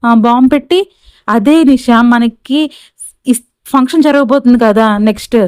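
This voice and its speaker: A woman's voice: on the high side, normal speed, a little mellow, clean tone, no echo, lightly acted. A woman voicing a scheming young man who plots a murder, talking in a persuasive, plotting way.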